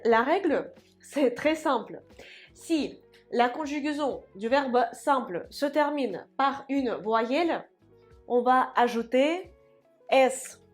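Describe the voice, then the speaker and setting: A woman with a Russian accent teaching a language lesson, explaining rules and saying each form twice for learners to repeat. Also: high-pitched.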